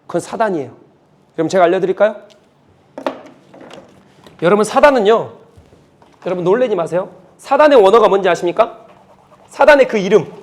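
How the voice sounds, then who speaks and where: A male pastor preaching a sermon, emphatic and repetitive, dropping from loud urging to a hush. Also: high-pitched, animated, fairly quick, pauses often. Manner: emphatic, repetitive, swings between loud and hushed.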